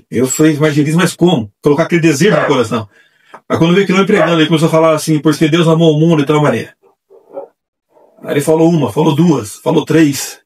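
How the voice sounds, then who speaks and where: A man telling his testimony as a church evangelist, animated and acting out the voices he quotes. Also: a little high, husky. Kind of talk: testimony storytelling. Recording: distant mic.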